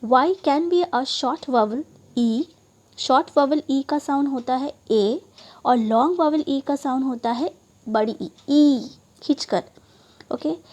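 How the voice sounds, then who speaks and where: A woman's voice: high-pitched, a little mellow, breathy edge. A woman teaching English phonics in Hindi, spelling out letters and modeling each vowel sound with frequent okays. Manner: slow, deliberate delivery with many okays.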